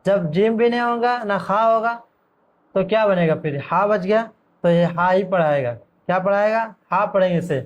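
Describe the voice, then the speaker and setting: A man's voice: high-pitched, dull audio, slight background noise. A man teaching Quran reading letter by letter, asking his own questions and answering them, drawing out the letter names. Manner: drawls letter names very slowly. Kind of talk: letter-by-letter lesson.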